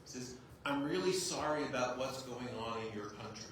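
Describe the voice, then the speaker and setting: Faint noise and heavy echo fill this recording of a rabbi captured from afar on a clip-on mic. His medium-pitched voice is fairly bright and fairly quick as he talks informally to an audience in a large room, using self-deprecating humor and frequent "right?" check-ins. He is American, with English as his first language.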